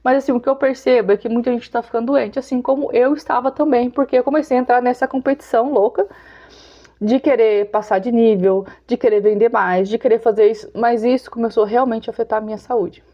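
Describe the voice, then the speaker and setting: A Brazilian vlogger in her forties talks casually and openly to camera with a Brazilian Portuguese accent, chatty, confiding and often laughing. Her voice is on the high side yet dark in tone, steady and brisk, with lo-fi sound.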